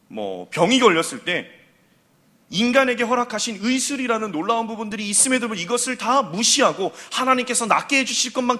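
A high, bright man's voice carries this sermon, swinging widely up and down as he preaches. He is a middle-aged pastor who acts out the voices he quotes, from scolding to pleading.

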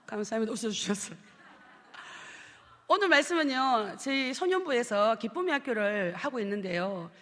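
High, lively woman preacher. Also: normal speed. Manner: lively, expressive storytelling. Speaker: pastor of a children's department. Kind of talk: sermon. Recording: reverberant church hall.

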